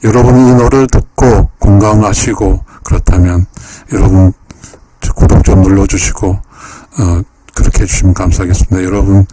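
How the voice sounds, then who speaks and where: A man's voice: lowish voice, background noise. A man hosting a YouTube channel, giving a lecture-style analysis of song lyrics, emotional and repeating phrases over and over. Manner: polite addresses to viewers.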